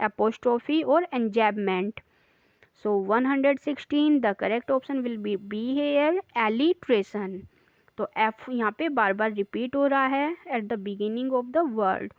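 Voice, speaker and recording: A woman teacher, reading exam options slowly and then explaining them quickly in Hindi. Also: on the high side, dry recording, highs cut off. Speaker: English teacher. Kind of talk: exam practice lesson.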